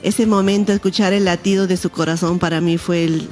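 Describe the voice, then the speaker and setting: Soft-spoken heartfelt woman, lowish voice. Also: steady tone, a little fast, over loud music. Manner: soft, heartfelt, quotes her own pleading prayers. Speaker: guest sharing testimony.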